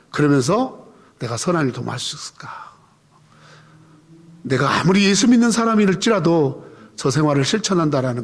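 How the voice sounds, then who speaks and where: Man, pastor, sermon, conversational with rhetorical questions, raised pitch, long church reverb. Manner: leads the congregation in reading scripture aloud. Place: church sanctuary.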